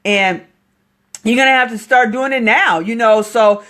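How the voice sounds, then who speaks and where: Casting: a high-voiced man, a motivational marketing coach on a live stream, fervent and preachy. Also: normal speed. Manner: excitable, preachy, greets viewers mid-talk.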